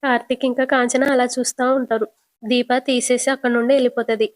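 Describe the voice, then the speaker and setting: A woman's voice: fairly high pitch, level tone, a little fast. A woman narrating a retelling of a TV serial episode. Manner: plain retelling.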